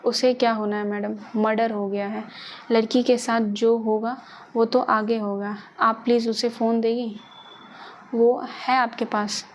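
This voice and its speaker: A woman's voice: fairly high pitch, little pitch movement, measured pace, lo-fi sound, a little hiss or hum. A woman voicing a harsh small-town female police inspector who speaks curtly and bossily. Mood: scolding. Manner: curt, bossy, scolding.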